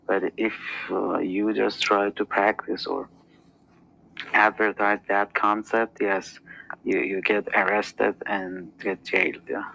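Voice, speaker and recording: A man from Iran, speaking haltingly in a casual group discussion, with many fillers and restarts. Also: lowish voice, little pitch movement, gravelly, bright, forceful tone. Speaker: podcast guest. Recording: dull lo-fi audio with faint noise.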